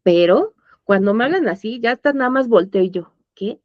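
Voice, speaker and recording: A woman's voice: on the high side, expressive, a little fast, no echo. Mexican woman teaching, dull dry audio. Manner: conversational, checks understanding with tag questions. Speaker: course instructor. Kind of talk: informal online lesson.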